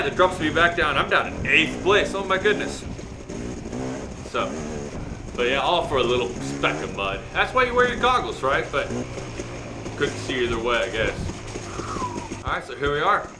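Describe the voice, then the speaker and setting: Male motovlogger, chatty and self-deprecating race commentary, fry in the voice, recorded roomy with clear vehicle noise. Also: on the high side. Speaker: motovlogger and amateur dirt bike racer. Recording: roomy echo, loud engine and ambient noise.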